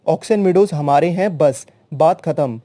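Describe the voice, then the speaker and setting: A man voicing a quick-tempered young woman who argues and interrupts. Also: a little high, mellow, dry recording, lightly acted. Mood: indignant. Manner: indignant, interrupting, argumentative.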